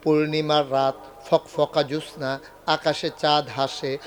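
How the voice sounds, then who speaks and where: A fairly high-voiced man delivers a waz sermon. He tells stories with acted-out dialogue and colloquial jokes, often climbing to near shouts. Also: level tone, unhurried, a little hiss or hum. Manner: dramatic storytelling, acting out dialogue, rising to near shouts; colloquial and humorous, drawing laughter. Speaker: preacher.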